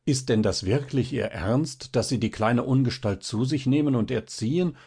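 A man's voice: fairly low pitch, animated, a little slow, darkish tone, slightly rough, heavily acted. A man voicing a poor, distressed peasant mother who pleads in a tearful, whining way.

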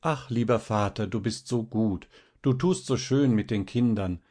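Man doing a gentle little boy, husky. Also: lowish voice, unhurried. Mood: admiring. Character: sweet, well-behaved little boy.

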